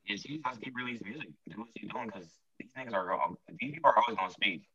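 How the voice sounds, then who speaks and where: A man co-hosting a podcast in casual chat, loose and animated, often trailing off and restarting. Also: fairly low pitch, racing, distant mic. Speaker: podcast co-host. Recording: muffled, off-mic.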